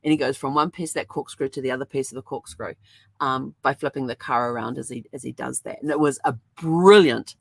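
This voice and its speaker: Low, gravelly-voiced woman chatting. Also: no room sound. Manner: rambling, chatty storytelling with many fillers. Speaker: host. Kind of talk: casual chat.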